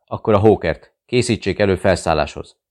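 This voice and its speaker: Audiobook: male narrator doing an icy, commanding male warlord, very deep, curt. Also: close to an everyday voice. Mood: urgent.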